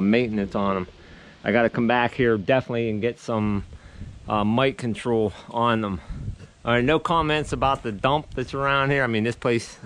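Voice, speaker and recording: With a mid-range voice and slight background noise, a middle-aged man records an outdoor walk-and-talk vlog at a rural building site. He's a beekeeper and vlogger, filming on a head-mounted action camera, and he rambles casually, often restarting his sentences.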